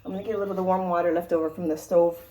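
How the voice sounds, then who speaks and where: A woman's voice: fairly low pitch, fairly even intonation, racing, dark tone, poor audio. A woman hand-feeding a baby bird at home in her kitchen, cooing baby talk to the bird and chatting casually to the camera. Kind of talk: casual home video chat.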